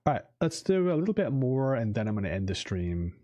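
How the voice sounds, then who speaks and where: A man's voice: mid-range voice, very animated, a little fast, dark tone, dull audio, a little hiss or hum. A man streaming a card game, casually commenting and reading the game's text aloud as he muses. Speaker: game streamer and English teacher.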